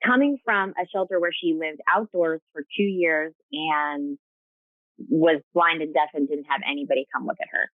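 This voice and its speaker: A woman's voice: low voice, normal speed, no room sound. Woman on a tinny video call. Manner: earnest, with frequent fillers and restarts. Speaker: guest, rescue co-founder. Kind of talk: casual video-call interview. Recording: tinny phone-like call audio.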